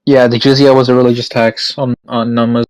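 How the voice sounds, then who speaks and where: A man's voice: medium pitch, level tone, darkish tone, slight background noise. A man in a casual study chat on an online call whose internet keeps cutting his voice out. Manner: reads passages aloud haltingly. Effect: choppy cutting-out internet call. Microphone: computer or phone mic on an online call.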